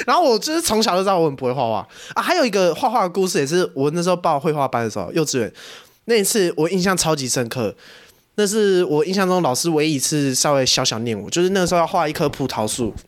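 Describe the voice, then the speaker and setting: Young taiwanese guy on a podcast, fast talker, voice jumps all over, laughs a lot. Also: fairly high pitch. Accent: Taiwanese Mandarin. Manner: animated storytelling, laughs often. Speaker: podcast co-host. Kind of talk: casual chat.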